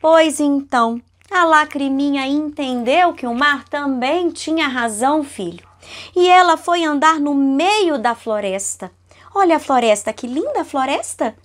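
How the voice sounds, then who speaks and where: A mother tells a bedtime-style story to her baby in a high, bright voice. She takes it slowly and keeps pausing to ask the little one questions. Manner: animated, asking the child questions.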